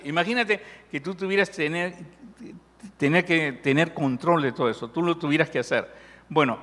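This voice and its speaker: A man's voice: on the high side, bright, forceful tone. A man from Peru preaching a sermon in a conversational way, joking and asking the audience questions. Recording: long hall reverb.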